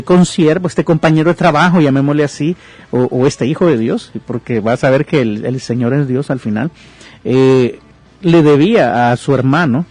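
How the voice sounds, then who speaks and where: A man's voice: fairly high pitch, darkish tone, dry recording. A man giving pastoral counsel on a podcast, teaching conversationally about forgiveness and retelling and reading a parable aloud with explanatory asides. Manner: reads verses aloud.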